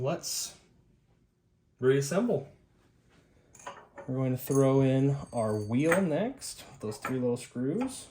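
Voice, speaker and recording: Against a noisy background, a man with a medium-pitched voice hosts a hi-fi repair channel, giving a casual, upbeat hands-on demonstration while informally muttering half to himself as he works.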